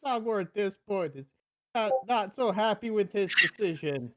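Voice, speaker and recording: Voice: mid-range voice, animated, no echo. Player narrating a character's moves. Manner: narrates own character in third person, drawn-out.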